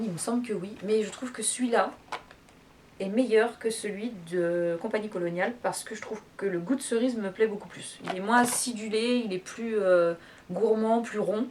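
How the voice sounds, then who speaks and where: A woman's voice: mid-range voice, darkish tone. Chatty French woman with faint hiss. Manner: chatty, hesitant, many restarts and fillers. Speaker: tea vlogger. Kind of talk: casual product review chat.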